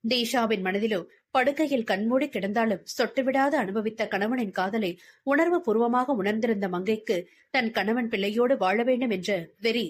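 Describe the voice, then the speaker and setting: A woman's voice: on the high side, slight background noise. A woman reading a novel aloud as an audiobook narrator with dramatic storytelling.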